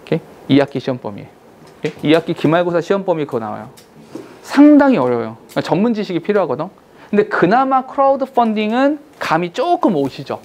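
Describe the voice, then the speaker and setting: Male cram-school English teacher, animated and playful, slangy, checks in with his class constantly. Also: high voice, fast talker, a little hiss or hum. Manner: playful, slangy, acts out little skits with students. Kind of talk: lecture to high school students.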